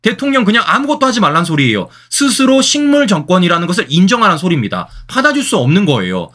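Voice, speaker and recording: A man's voice: high voice, sing-song, fast, fairly bright tone. A man hosting solo political commentary, firing rhetorical questions at his viewers and repeating key phrases for emphasis. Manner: addresses viewers directly.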